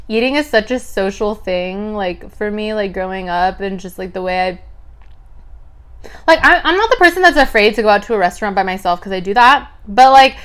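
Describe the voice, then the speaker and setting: Between bites, this twenty-something mukbang vlogger keeps up a chatty stream of talk to her viewers, leaning heavily on "like." Her voice is medium-pitched and fairly bright, and you can hear her chewing between lines.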